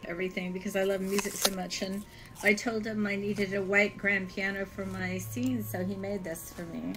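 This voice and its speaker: Against a noisy background, an American-accented woman from California chats at a normal speed in a mid-range, flat voice. She's showing off a virtual world she built in a casual tour, chuckling as she goes.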